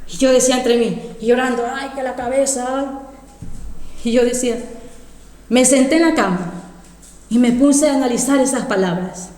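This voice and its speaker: A woman's voice: on the high side, moderate pace, darkish tone. A woman preacher telling a personal testimony in a sermon, emotional, repeating phrases and calling out to the congregation. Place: church hall. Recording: echoey church hall. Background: congregation calling out amens.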